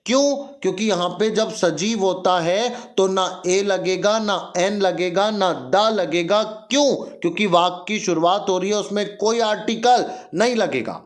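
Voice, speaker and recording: A man teaching an exam-prep grammar lesson, spelling words letter by letter and quizzing his students. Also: high-pitched. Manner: explains patiently, spells words letter by letter, asks students questions.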